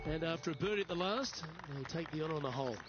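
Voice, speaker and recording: A man doing play-by-play golf commentary in measured, clipped phrases. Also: a little high, lo-fi sound, music in the background, natural voice. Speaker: lead golf commentator in a video game.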